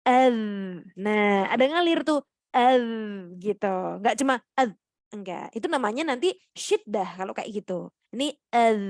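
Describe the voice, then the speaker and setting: A woman's voice: on the high side, a little mellow, no echo. A woman with an Indonesian accent leads an online recitation class in a slightly raised voice. She explains patiently and sounds out each letter as an example. The recording is close and dry. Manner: patient explaining, keeps checking in with listeners, demonstrates sounds. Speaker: Quran recitation teacher.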